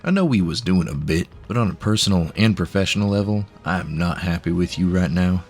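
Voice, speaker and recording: A man voicing a gruff, burly male outlaw gunman who blusters and grumbles. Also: deep voice, lively intonation, a little fast, darkish tone, faint music behind. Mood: sulky.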